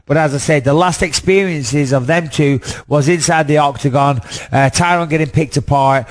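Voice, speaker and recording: A man in his thirties talks bluntly and emphatically on a casual podcast. His voice sits a little high for a man, and he swears freely as he breaks down a fight. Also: moderate pace. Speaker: podcast host, former fighter.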